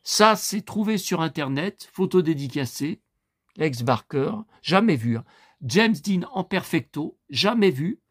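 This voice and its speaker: A man's voice: a little high, animated, unhurried, slightly rough, no room sound, studio quality. A man chatting casually to camera as he shows off his recent purchases, exclaiming and repeating himself. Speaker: vlogger showing purchases.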